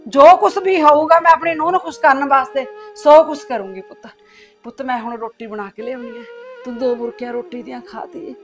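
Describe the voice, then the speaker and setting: A woman's voice: on the high side, little pitch movement, fast talker, a little mellow, faint music behind, lightly acted. A middle-aged woman playing a grieving mother-in-law who soothes her son's wife through tears. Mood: tearful comfort. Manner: tearful, soothing, pleading. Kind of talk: short family drama.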